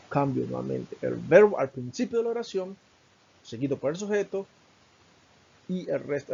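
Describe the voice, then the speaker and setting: A man with a Venezuelan Spanish accent teaching an English lesson, slowly modeling each phrase with a husky voice. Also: mid-range voice, dark tone, lo-fi sound, a little hiss or hum. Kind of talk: recorded online lesson.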